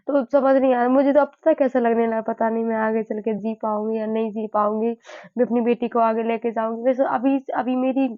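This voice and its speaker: A woman in her early twenties sharing her grief in a personal vlog. She sounds weary and low, halts often, and repeats herself. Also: flat delivery, dry recording. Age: early 20s. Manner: halting, repeats herself, many fillers. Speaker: vlogger. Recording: dull lo-fi dry sound.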